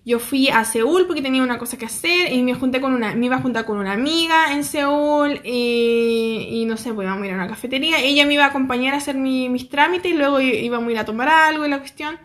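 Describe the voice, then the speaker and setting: A young Chilean woman with a Chilean accent, telling a story to her viewers in a lively, slangy way and acting out what people said. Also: high voice, quick pace, few pauses. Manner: animated, laughing, slangy, acts out quotes. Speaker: vlogger.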